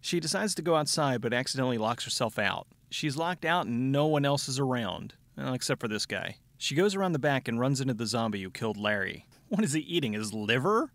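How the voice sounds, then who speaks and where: A man's voice: medium pitch, very animated, fairly quick, few pauses, a bit bright, no echo. A man giving a sardonic, scripted comedic movie recap as a show host, with dry wit. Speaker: film review show host. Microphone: close studio voice-over mic.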